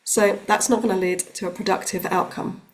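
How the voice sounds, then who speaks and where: A woman working as a relationships coach, giving calm, explanatory advice straight to the camera with the odd um. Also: mid-range voice, fairly quick. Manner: calm, explanatory, with occasional ums. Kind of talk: direct-to-camera advice talk.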